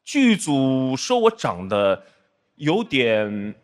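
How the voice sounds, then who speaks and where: A man's voice: medium pitch, huge pitch swings, extremely slow. A middle-aged man from Shanghai delivering a self-mocking roast set with punchline timing on a studio stage. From Shanghai, China. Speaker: roast guest comedian and actor. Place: studio stage before a live audience. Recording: loud audience laughter and noise.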